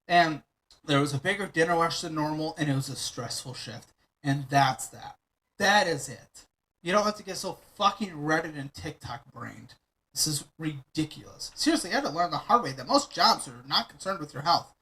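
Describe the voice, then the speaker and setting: Bright, lively man giving blunt reaction commentary. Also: fairly high pitch, moderate pace, poor audio. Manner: blunt, sarcastic, swears freely. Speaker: streamer reacting to a video.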